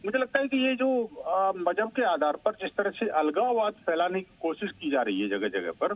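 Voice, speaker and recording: High-voiced man arguing in a debate. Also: sing-song, normal speed, poor audio. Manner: emphatic, interrupts others. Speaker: panel guest. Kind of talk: heated TV debate.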